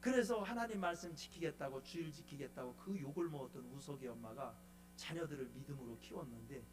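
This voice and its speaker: A man preaching a revival sermon in a church, telling a story in an animated way and putting rhetorical questions to the congregation. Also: medium pitch, fairly quick, music in the background. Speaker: guest preacher. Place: church sanctuary.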